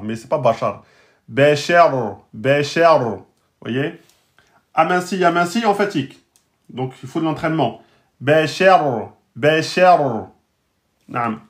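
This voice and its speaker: A man teaching Arabic and Quran reading in a recorded lesson, patiently sounding out words syllable by syllable and talking straight to his students. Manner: slow, patient, drills syllables one by one; sounds out words very slowly, raising his pitch.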